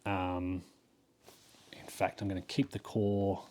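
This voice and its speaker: A man playing both sides of a war board game, thinking aloud, counting moves and filling pauses with ums. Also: sits low, flat delivery, a little mellow. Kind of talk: solo playthrough commentary.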